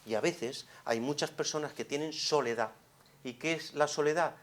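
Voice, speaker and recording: Psychologist lecturing expressively. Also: male voice, fairly high pitch, normal speed, slight background noise. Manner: expressive, swings from hushed to loud, many rhetorical questions. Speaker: psychologist giving a conference talk. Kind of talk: conference lecture. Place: conference hall.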